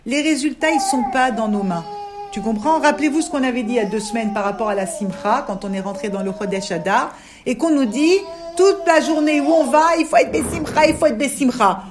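A woman's voice: fairly high pitch, a little fast, noisy background. A woman leading a women's religious discussion, coaxing her listeners and often checking that they understand. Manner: coaxing, keeps asking "you understand?".

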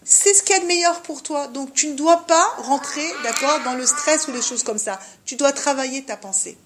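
Higher-voiced woman teaching a religious lesson. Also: normal speed. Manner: French peppered with Hebrew terms; didactic, frequent check-in questions.

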